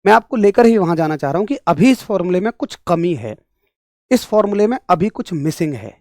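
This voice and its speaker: A man's voice: high voice, big pitch swings, fairly quick, darkish tone, no room sound, clean studio sound. A young man teaching an online exam-prep physics class, talking straight to his students, repeating points and pressing them for answers. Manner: talks straight to students, scolding then explaining; emphatic, repeats points, asks for yes or no.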